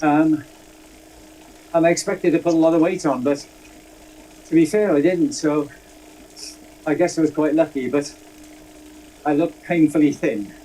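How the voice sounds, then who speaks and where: A man's voice: a little high, unhurried, pauses often, mellow, rough recording. A man, telling rambling, self-deprecating stories in a casual chat. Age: 60s. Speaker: guest. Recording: faint background noise.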